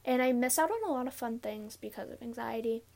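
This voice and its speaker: Young woman, higher-pitched, nervous and giggly, halting casual solo podcast delivery from inside a closet. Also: darkish tone. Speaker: podcast host. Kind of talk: casual confessional solo talk. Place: inside a closet, sitting on a pillow.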